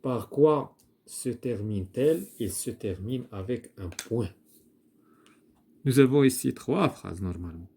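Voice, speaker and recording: Slow, mellow male teacher. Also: medium pitch, animated, slightly rough. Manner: slow, repetitive explaining with restarts and fillers. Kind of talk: primary-school grammar lesson, writing on a board.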